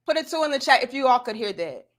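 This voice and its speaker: A woman livestream host with a somewhat high voice gives opinionated commentary. She is sarcastic and doubting, leaning hard on her points. Her wording is colloquial and aimed directly at the viewers. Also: very animated, quick pace. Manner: skeptical, sarcastically mimics opposing views; emphatic, punchy delivery with rhetorical questions.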